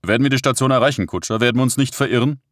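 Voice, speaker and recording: A man's voice: medium pitch, rapid-fire, dry recording, clean studio sound, voice pushed up, lightly acted. A man voicing an anxious traveler who hurries out his questions in a raised voice. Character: anxious male traveler in a snowstorm, pressing.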